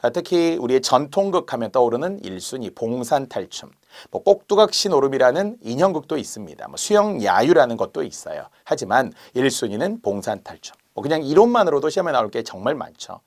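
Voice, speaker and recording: A man explaining exam answers in a lecture, marking each step aloud and slowly spelling out letters and sounds. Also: medium pitch, sing-song.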